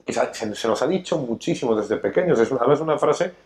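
During a studio talk show discussion, a financial educator and host sits on a sofa, lecturing emphatically and gesturing heavily. His mid-range voice is animated, slightly mellow, and a little fast.

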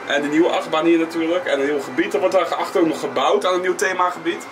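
A man's voice: fairly high pitch, quick pace, background noise. A man vlogging casually and giving informal, opinionated commentary while walking around outdoors.

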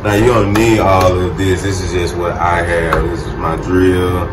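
A man in his thirties hosts a casual DIY video from a small indoor game room at home, chatting informally through each step of a hands-on product demo and tutorial. His voice is low, with little pitch movement and a normal pace, and loud music plays behind him in the noisy room.

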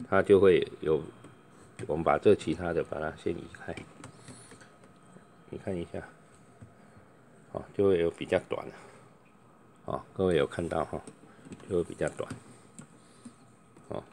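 A man demonstrating microphones in a loose, chatty way, filling pauses with a drawn-out "oh" and calling into each mic to test it. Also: sits low, slight background noise. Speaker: microphone seller. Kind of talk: product demonstration.

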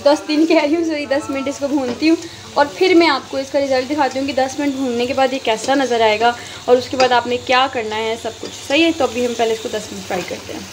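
A woman talks straight to viewers from her home kitchen, giving chatty step-by-step cooking instructions while holding her phone to record. Her voice is high-pitched and fast, with fairly even intonation. Loud frying sizzle and stirring sounds make the background noisy.

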